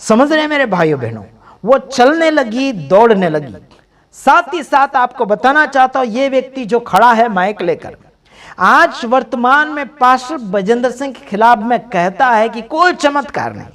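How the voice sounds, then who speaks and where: A man's voice: very high-pitched, sing-song, moderate pace, fairly bright tone. A man giving emphatic, preaching-style commentary over video clips, repeating phrases for stress. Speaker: video commentator for a healing ministry.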